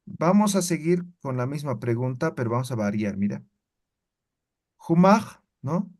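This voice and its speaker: A man's voice: medium pitch, lively intonation, a little slow, a little mellow. A man teaching a language class, explaining step by step and checking in with his students again and again. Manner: explains patiently, keeps checking with "¿no ve?".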